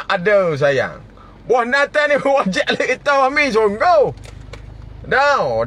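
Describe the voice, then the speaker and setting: A man with a raised, high voice hosts a relaxed live stream. He reads out viewer comments, greets people by name and laughs easily between remarks. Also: slight background noise.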